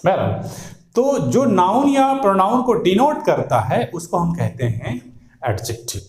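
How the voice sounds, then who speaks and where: A man's voice: sits high, big pitch swings, unhurried, darkish tone, roomy sound. A man teaching English grammar, repeating words, drilling pronunciation and quizzing his listeners. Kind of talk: classroom grammar lecture.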